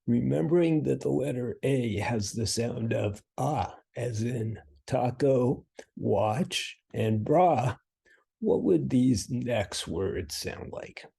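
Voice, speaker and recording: A man narrating a scripted language lesson with dry, deadpan humor. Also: medium pitch, takes it slowly, vocal fry, husky. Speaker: language teacher.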